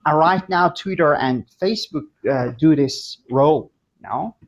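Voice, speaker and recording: A woman's voice: low voice, a little slow. A woman from Iran, a guest on a podcast, speaking in brief and hesitant remarks. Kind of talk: casual chat.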